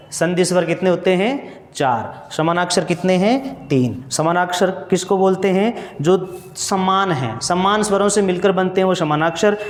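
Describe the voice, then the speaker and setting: A male teacher giving a grammar lesson for exam students, explaining step by step, asking questions and answering them himself, and repeating key points. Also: high voice. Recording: echoey room with long reverb.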